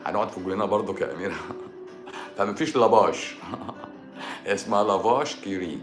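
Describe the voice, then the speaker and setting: A man's voice: on the low side, brisk. A man with an Egyptian Arabic accent hosting a live stream, answering viewer questions in a joking, sarcastic manner. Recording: roomy echo with music behind.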